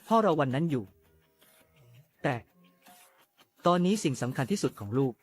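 Devoted struggling father, drama series, gentle and reassuring, slightly high voice, lively melody. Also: moderate pace, slightly rough, soft background music. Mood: tender. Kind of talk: Thai dubbing of a drama series.

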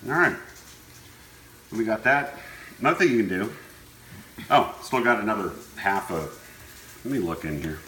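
A low-pitched man walks through a recipe in a loose, easygoing manner, chatting as he works. The room is echoey, and there is clear frying and stirring noise behind him. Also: expressive, normal speed, long pauses, a bit bright. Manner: laid-back, easygoing, offhand. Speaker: home cooking show host. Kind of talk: casual cooking demonstration, talking while working. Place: indoor kitchen. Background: frying sizzle and stirring.

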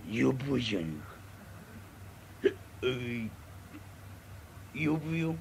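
A man voicing an easygoing townsman who coaxes and chides his drinking companion in rough, teasing Tokyo speech, in rakugo storytelling. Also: mid-range voice, slow, darkish tone, slight background noise, voice pushed down. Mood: coaxing. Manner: coaxing, teasing banter in rough Edo speech.

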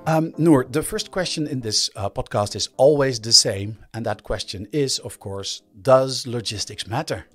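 A man's voice: medium pitch, normal speed, few pauses, fairly bright tone, soft background music. Hesitant male podcast host. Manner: friendly, hesitant questions with many fillers. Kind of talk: podcast interview.

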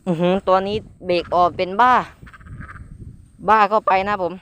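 A man commenting live to viewers while fishing, excitable and exclaiming, with light swearing. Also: high-pitched, moderate pace. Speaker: fishing vlogger. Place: outdoors by the water. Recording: outdoor with faint background noise.

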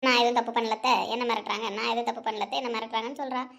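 A woman voicing a sharp-tongued old village grandmother in a cartoon, gruff and scolding. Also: on the high side, steady tone, racing. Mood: worried. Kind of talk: cartoon voice acting.

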